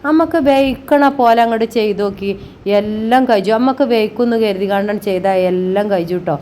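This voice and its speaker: A middle-aged woman, talking warmly to her viewers as if to her own children about her household work, with frequent tag words. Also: mid-range voice, fairly quick, slight background noise. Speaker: family vlogger. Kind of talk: homey chatty voice-over about housework.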